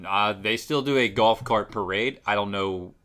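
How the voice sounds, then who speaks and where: A man's voice: fairly low pitch, moderate pace, a bit bright. A man from North Carolina, hosting a casual podcast in an upbeat, laid-back way. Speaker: podcast host. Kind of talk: casual chat. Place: small local studio.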